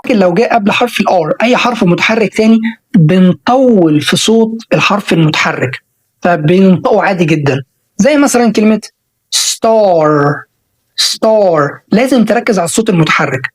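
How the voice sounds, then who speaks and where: A woman with an Egyptian Arabic accent leads an online English pronunciation lesson at a mid-range pitch. She stretches out each model word and repeats it so listeners can say it after her. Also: animated, breathy edge, poor audio. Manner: models sounds slowly and repeats words for learners to copy.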